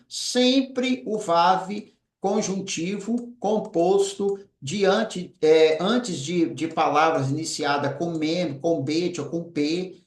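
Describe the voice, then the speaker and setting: A man teaching a recorded lesson, patiently repeating words slowly as he writes. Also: a little high, roomy sound. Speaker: Biblical Hebrew teacher.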